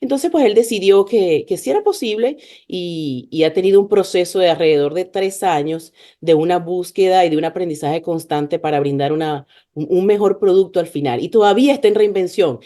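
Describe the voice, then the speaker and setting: Low-voiced woman podcast host. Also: brisk, few pauses, warm tone. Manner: hesitant, many fillers and restarts. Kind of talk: podcast interview.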